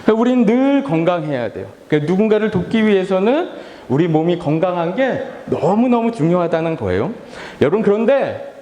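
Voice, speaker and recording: A man's voice: sits high, sing-song, a little fast, mellow. A man in his thirties preaching a children's sermon. He talks playfully, asks the children questions, leads call-and-response, and acts out his family and his own tired sighs. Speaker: pastor. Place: church hall. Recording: echoey hall with long reverb.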